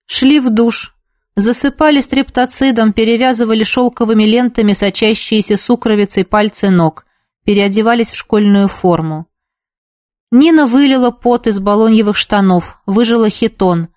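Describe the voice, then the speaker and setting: A woman reads an audiobook aloud in a steady, measured way. Her voice sits a little high. The recording is dry and close, with no room sound. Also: no room sound. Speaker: audiobook narrator. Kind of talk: audiobook reading.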